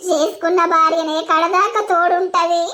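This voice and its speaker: A woman's voice: very high-pitched, steady tone, normal speed, sharp tone, slight background noise. A woman voicing a young village wife in a cartoon, pleading and sobbing in a Telangana Telugu accent. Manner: begging, sobbing delivery. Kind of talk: cartoon voice acting.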